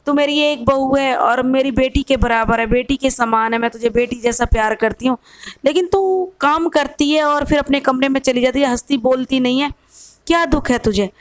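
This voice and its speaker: A woman's voice: high voice, steady tone, moderate pace, natural voice. A woman voicing a kind, patient older mother-in-law who speaks in a soothing, reassuring way. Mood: coaxing.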